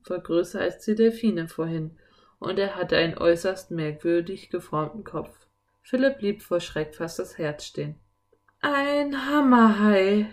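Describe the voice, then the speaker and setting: A woman narrating a children's audiobook in an even, measured reading voice. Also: on the low side.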